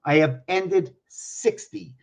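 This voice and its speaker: A man's voice: high voice, slow pace, creaky, darkish tone. Man in his sixties working out sums aloud. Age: 60s. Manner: works through sums aloud, pointing at objects; asks questions of the viewer. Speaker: numerology speaker. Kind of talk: rambling explanatory monologue. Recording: dull lo-fi recording.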